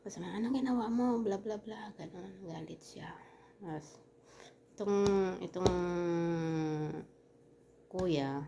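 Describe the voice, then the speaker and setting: Storytime-style, a woman shares a personal story in a halting way, restarting often and using many fillers, earnest and at times turning heated. Her voice is lowish and gravelly, with background noise in the recording.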